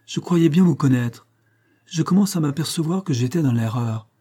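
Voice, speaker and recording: Un homme qui lit une jeune femme douce mais ferme, la voix montée, posée et insistante, dans un livre audio. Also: male voice, a little high, expressive, normal speed, warm tone, breathy edge, voice pushed up.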